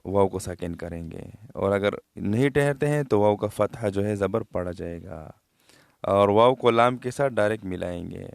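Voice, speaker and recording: Smooth-voiced man teaching recitation. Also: on the low side, no room sound, clean studio sound. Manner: patient, repeats words slowly to show correct pronunciation. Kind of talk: tajweed lesson, explaining then reciting slowly.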